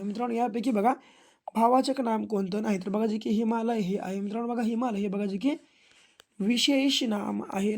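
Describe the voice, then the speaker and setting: A woman's voice: on the high side, mellow. A woman going through exam questions one by one, drilling the answers and urging listeners to memorize them. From Maharashtra, India. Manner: repetitive, drilling phrases, urges memorizing. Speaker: exam prep teacher.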